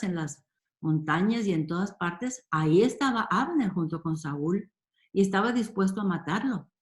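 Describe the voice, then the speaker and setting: A woman's voice: fairly low pitch, roomy sound. A woman leading a Bible study. She reads verses aloud, then explains them with emphatic questions. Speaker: Bible teacher.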